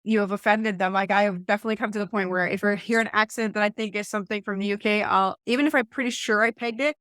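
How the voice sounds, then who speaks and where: A podcast co-host with an Eastern Ontario Canadian accent chats casually, rambling through anecdotes in conversational discussion. Her mid-range voice is steady, fast and a bit bright, recorded at studio quality with no echo.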